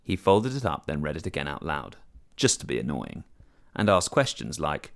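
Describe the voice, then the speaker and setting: Reading from a script, a man narrates a short first-person story in a very low, creaky voice. His pitch moves in a lively way, and he keeps a moderate pace.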